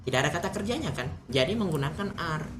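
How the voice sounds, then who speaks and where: Low-voiced woman teaching a class. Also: lively intonation, fast talker, noisy background. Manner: patient, explains step by step with frequent check-ins to the class. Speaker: English teacher. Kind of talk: online class lesson.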